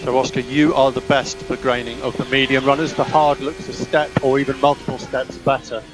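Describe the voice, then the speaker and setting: A man's voice: mid-range voice, level tone, fairly quick, low-quality recording. A man working as a race engineer, giving terse, repeated instructions in clipped team radio messages over engine roar. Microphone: radio headset.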